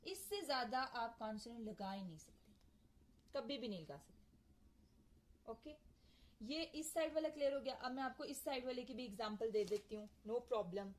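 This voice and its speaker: A woman's voice: fairly high pitch, expressive, moderate pace, low-quality recording. A young woman teaching an English lesson, patiently explaining and often checking whether her students have understood. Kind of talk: classroom lecture mixing Hindi-Urdu and English.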